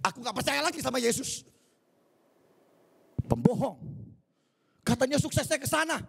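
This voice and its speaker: A preacher acting out a whining believer, his voice jumping up high and straining as he pleads that the wall is too big. The voice keeps a gravelly edge under the whine. It is a grown man griping to God in a short sermon skit. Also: animated, normal speed, a bit bright, exaggerated voice. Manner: pleading, high-pitched complaining.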